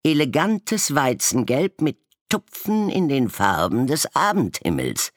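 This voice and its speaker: A man's voice: mid-range voice, very animated, unhurried, no echo, studio quality, pitched above the performer's own voice. A man voicing a haughty, condescending blue-dotted male raven in a storybook fable.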